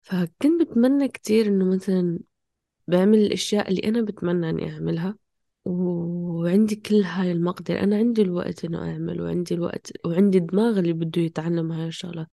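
A woman's voice: fairly low pitch, rapid-fire, vocal fry, warm tone, no echo, clean studio sound. A woman talking casually and passionately, questioning herself in fragmented bursts. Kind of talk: casual, impassioned conversation.

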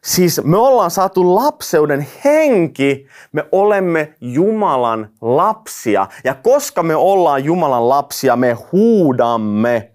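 A man's voice: fairly high pitch, darkish tone. A man preaching a sermon, reading scripture aloud and dropping joking asides. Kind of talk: sermon teaching.

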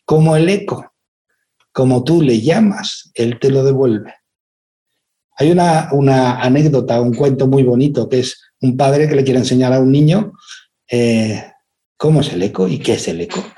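A man's voice: mid-range voice, normal speed, mellow. A man giving an inspirational lecture, often asking rhetorical questions of his listeners. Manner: acts out quoted voices in stories. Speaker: speaker giving a talk.

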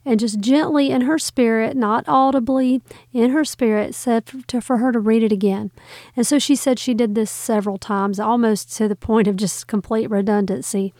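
A woman's voice: a little high, mellow, no room sound, studio quality. A woman hosting a podcast, explaining Bible words in an earnest, teacherly way. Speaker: podcast host.

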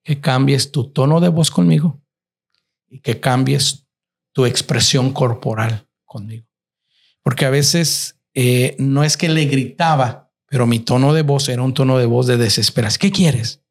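Gravelly-voiced middle-aged man. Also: medium pitch, a little slow. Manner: reflective storytelling, mixes in English words. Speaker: father and husband, guest. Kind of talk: casual family conversation.

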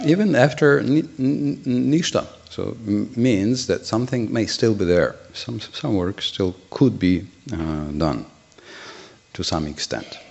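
A man giving a scripture class, chanting Sanskrit verses and explaining them word by word, often clearing his throat. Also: fairly low pitch, animated, measured pace, darkish tone, dull audio.

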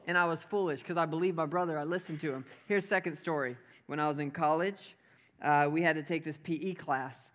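A young adult man, a pastor giving a lively sermon to a live crowd, telling playful stories and having the crowd repeat words. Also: a little high, a little fast.

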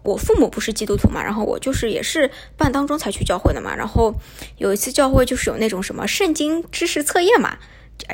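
Young woman host from China, rapid-fire casual storytelling, slightly husky tone. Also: on the high side. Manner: chatty, poses and answers her own questions. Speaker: podcast host.

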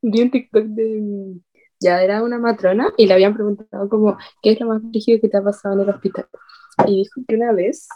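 A young woman with a Chilean accent telling a story in a slangy, animated casual chat. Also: mid-range voice, a little fast, highs cut off.

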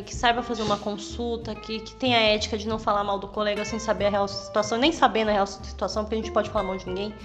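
A woman's voice: medium pitch, muffled recording. A young woman veterinarian in casual chat, emphatic and outspoken, swearing freely. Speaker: veterinarian guest.

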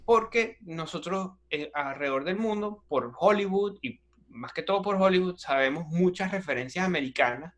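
A man's voice: high-pitched, lively intonation, moderate pace, fairly bright tone. A man from Venezuela with a Venezuelan accent, a comedian chatting in an interview, telling stories animatedly with slang and frequent restarts. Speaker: comedian guest. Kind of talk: casual interview chat.

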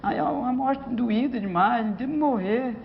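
A man's voice: very high-pitched, normal speed. A man telling jokes in casual chat, chiming in with short interjections. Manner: chatty, reacting with short interjections. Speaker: joke teller. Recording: lo-fi with faint noise.

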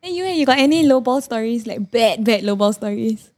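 A woman's voice: a little high, animated, brisk. A woman with a Singaporean accent hosting a casual interview and asking questions. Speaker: podcast host, interviewer.

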